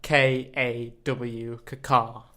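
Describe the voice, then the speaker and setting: A male podcast co-host speaking at a mid pitch in an easy, casual way. He ribs his friend with dry, deadpan teasing and keeps the chat moving. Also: drawn-out words.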